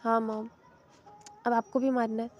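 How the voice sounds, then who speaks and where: A woman's voice: fairly high pitch, little pitch movement, moderate pace, a little mellow, lo-fi sound, faint music behind, close to an everyday voice. A woman voicing a young female college student who sounds sulky and apologetic.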